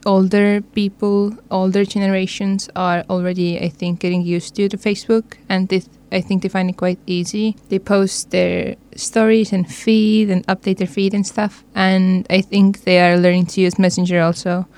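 Clear-voiced young Estonian-accented woman. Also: mid-range voice, flat delivery, moderate pace, hardly any pauses, a little mellow. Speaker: guest. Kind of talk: casual radio interview chat.

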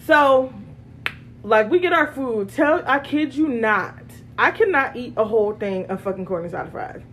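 High-pitched animated woman telling a story. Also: moderate pace, a little hiss or hum. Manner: animated, profane, acts out quotes. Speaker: podcast co-host. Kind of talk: casual storytelling chat.

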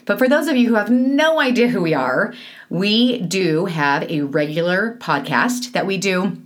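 A woman co-hosting a podcast in a chatty, conversational way, with quick asides. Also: medium pitch, lively intonation. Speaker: podcast co-host. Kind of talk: casual podcast chat.

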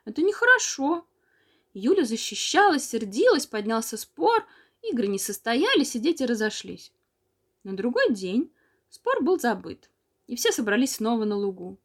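A woman narrating an old children's story with measured, expressive delivery. Her voice sits somewhat high and moves with lively, animated pitch. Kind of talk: reading a children's story aloud.

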